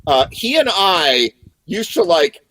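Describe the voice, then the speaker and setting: A man's voice: high-pitched, sing-song, slow pace, fairly bright tone, dry recording, rough recording. A man hosting a casual online music show, chatting and telling a rambling story. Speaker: host. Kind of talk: casual video-call chat.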